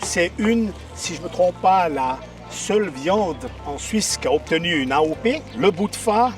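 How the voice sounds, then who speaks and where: A man's voice: high-pitched, lively intonation, measured pace, recorded from a distance, soft background music. A middle-aged man with a Fribourg Swiss French accent, explaining his butcher's products in an interview, hesitant and repeating words. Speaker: artisan butcher, guest.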